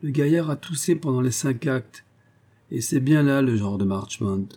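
Man reading a bored snobby young gent, mocking and cool, warm husky voice. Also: medium pitch, lively intonation, normal speed, natural voice. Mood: sneering. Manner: sneering, mocking, indifferent. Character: disdainful jaded young gentleman cousin. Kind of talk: audiobook character voice.

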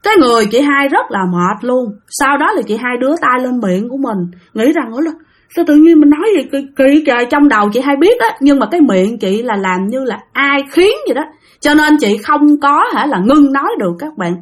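A woman narrates a spooky story, chatty and conversational. She talks straight to her listeners as she goes. Her voice sits a little high. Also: lively intonation, a little fast, slightly rough. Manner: chatty, addresses listeners directly.

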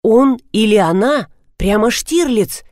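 A woman's voice: on the high side, expressive, takes it slowly, a little mellow, no echo, clean studio sound. A woman voicing a pushy, frantic young mother who is insistent and tearful. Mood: gossipy.

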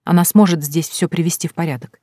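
A woman reader voicing a kind, dignified noblewoman who speaks calmly and gently. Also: lowish voice, quick pace, no room sound, studio quality, natural voice. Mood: gracious. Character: gracious noble mother-in-law, calm and kind.

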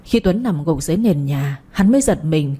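A woman narrating a novel as an audiobook reader in a steady storytelling manner. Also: low voice, normal speed, slightly rough.

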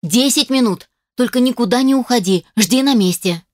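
A woman's voice: on the high side, moderate pace, a little mellow, dry recording, clean studio sound, pitched above the performer's own voice, lightly acted. A woman reading the lines of a worried, protective adoptive father in an audiobook, anxious and urgent.

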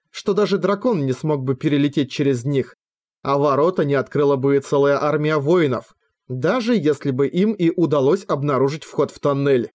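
A man reads a fantasy audiobook in a measured, steady storytelling voice. His voice sits a little higher than most men's. He lifts his voice slightly for the characters' lines. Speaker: audiobook narrator. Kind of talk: scripted fantasy novel narration.

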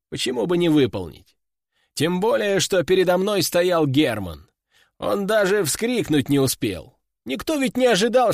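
A man giving an expressive, sardonic audiobook narration. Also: high voice, vocal fry, dry recording, clean studio sound.

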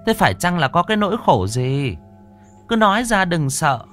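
A man voicing a stern female spirit medium who speaks in solemn, measured pronouncements. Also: fairly high pitch, big pitch swings, a bit bright, soft background music, pitched above the performer's own voice.

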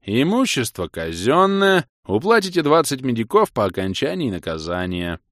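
A man's voice: mid-range voice, very animated, normal speed, fairly bright tone, no echo, studio quality, voice pushed up. A man voicing a stern, officious male town guard who brooks no objection, in a fantasy game audiobook.

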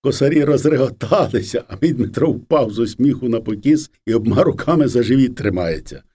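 A man reads a first-person folk memoir in a calm, unhurried storytelling manner. His voice is mellow and warm, and his pitch moves a lot from phrase to phrase. It sounds like an audiobook reading. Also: husky. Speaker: reader.

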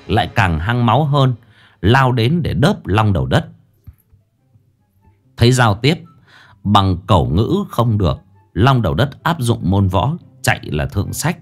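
A male storyteller narrates a comic ghost tale with a lively, animated voice that swings up and down in pitch. Soft music plays faintly behind him.

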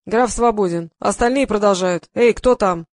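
A woman voicing a bossy male film director who yells commands on set. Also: mid-range voice, normal speed, no echo, studio quality, close to an everyday voice. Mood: yelling, impatient. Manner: yelling commands.

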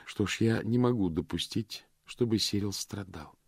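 A man's voice: lowish voice, moderate pace, creaky, breathy edge, dry recording. A male reader voicing a desperate young woman who pleads breathlessly in a dry, close recording. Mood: resigned.

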